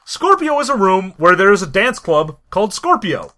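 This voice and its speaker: A man's voice: sits high, very animated, normal speed, sharp tone. A man co-hosting a podcast, casually explaining a game with dry jokes. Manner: laid-back, explaining, dry asides. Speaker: podcast co-host. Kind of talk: casual comedic chat.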